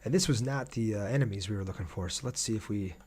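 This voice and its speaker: Livestreaming a video game, an American man from Ohio chats casually with his viewers and speaks to them directly. His voice sits fairly low and sounds a little mellow and husky, and he talks at a quick pace.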